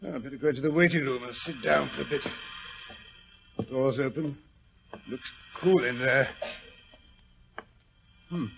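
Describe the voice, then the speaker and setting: An actor playing Doctor Watson as a genial, excitable English gentleman in 1940s radio style, blustering and muttering to himself with a British accent. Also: medium pitch, creaky. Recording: muffled, noisy old radio recording.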